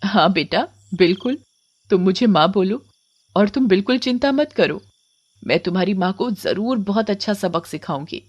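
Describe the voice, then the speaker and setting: A woman's voice: medium pitch, lively intonation, moderate pace, lo-fi sound, close to an everyday voice. A woman voicing a kind-hearted female witch who soothes the girl and talks sternly of revenge.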